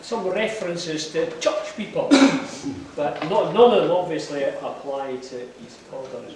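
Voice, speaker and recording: Echoey, higher-pitched man, broad Scottish accent. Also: lively intonation, unhurried. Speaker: amateur poetry reciter. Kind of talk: live recital of comic dialect verse. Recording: very echoey hall, distant mic, noisy.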